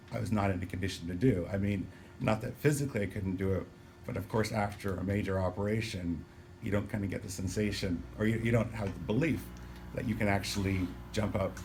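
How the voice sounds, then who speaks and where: A man talking casually to camera in a halting, explanatory way, sounding weak and dry-mouthed as he recovers from surgery. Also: sits low, fairly even intonation, darkish tone. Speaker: patient recording a personal video diary. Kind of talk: casual spoken vlog, explanatory. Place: hospital room. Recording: noticeable background room noise.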